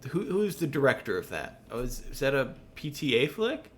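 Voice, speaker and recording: A man's voice: medium pitch, very animated, normal speed, fairly bright tone. A man co-hosting a casual podcast, telling stories with frequent laughs and casual swearing. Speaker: podcast co-host. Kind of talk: casual chat.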